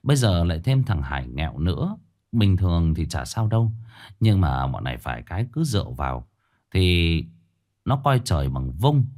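A man's voice: low-pitched, sing-song, moderate pace, a little mellow. A man with a Northern Vietnamese accent narrating a comic ghost story, colloquial with playful asides.

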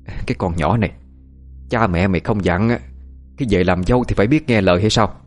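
Male narrator as cruel older mother-in-law, berating, low voice, soft music bed. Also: a little fast, natural voice. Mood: furious. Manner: berating, contemptuous.

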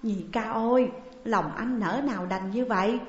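A woman's voice: fairly high pitch, normal speed, natural voice. A woman voicing a tearful younger sworn brother who pleads with his elder in an audiobook story. The recording is dull and echoey. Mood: tearful pleading. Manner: weeping, imploring, emotional.

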